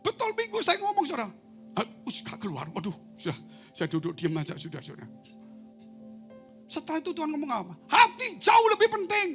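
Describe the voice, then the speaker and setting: A male pastor preaching in a church service, with instrumental music playing behind him. He tells stories and keeps addressing the congregation directly. His delivery jumps from loud, ringing exclamations to hushed, almost whispered asides. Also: on the high side. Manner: storytelling, addresses congregation as saudara. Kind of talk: sermon. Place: church service, online broadcast.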